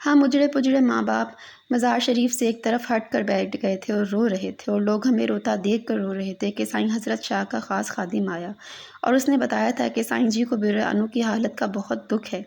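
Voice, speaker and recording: A woman reads a literary story aloud as a mournful lament. Her voice is husky and gravelly, sitting a little high. She speaks to a lost daughter throughout. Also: darkish tone.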